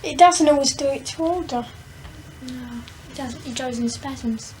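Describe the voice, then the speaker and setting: A woman's voice: high voice, measured pace, a little mellow, slight background noise, poor audio. A woman, answering an interviewer's questions at home in a plain, matter-of-fact way.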